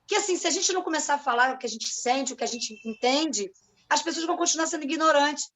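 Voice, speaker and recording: Speaking fast in a high voice, a woman with a Rio de Janeiro Brazilian Portuguese accent tells stories in casual chat. She's animated, acting out the dialogue in different voices.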